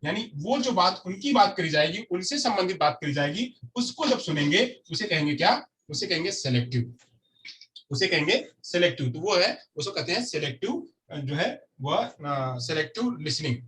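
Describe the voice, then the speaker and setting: A man's voice: on the high side, sing-song, moderate pace, fairly bright tone. A man teaching a lecture class who keeps repeating key terms and asks and answers his own questions. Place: classroom with a board.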